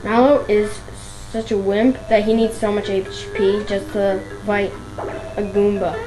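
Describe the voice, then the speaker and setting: A woman's voice: mid-range voice, level tone, measured pace, rough recording. A woman giving casual commentary as she plays a video game. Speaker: let's play gamer. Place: indoors beside a television running a game. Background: video game music.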